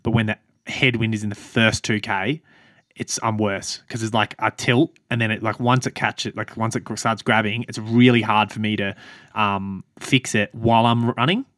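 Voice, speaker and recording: A young man co-hosting a casual podcast, chatty and quick to laugh. His voice sits low, and he slips in quick asides. The recording is close and dry. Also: level tone, fairly bright tone, dry recording. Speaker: podcast co-host. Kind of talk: casual chat.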